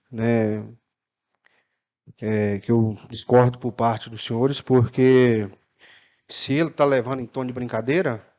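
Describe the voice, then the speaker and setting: A man with a Minas Gerais accent addresses a municipal council session. His voice sits at an ordinary middle pitch. He speaks in measured, halting phrases full of fillers and restarts. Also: darkish tone. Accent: Brazilian Portuguese, Minas Gerais. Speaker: city councilman questioning officials. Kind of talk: formal council session speech.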